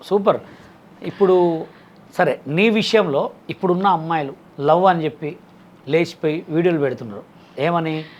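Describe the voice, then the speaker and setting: A man hosting a casual interview, coaxing and directing his guest with brisk prompts. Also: a little high, highs cut off. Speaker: interviewer host.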